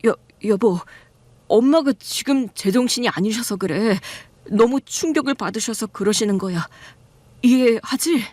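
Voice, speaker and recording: A mild, gentle husband, played by a woman reader, speaking softly and pleadingly. His voice sits fairly high and sounds dry and close. He is meek and placating throughout. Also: measured pace, no room sound.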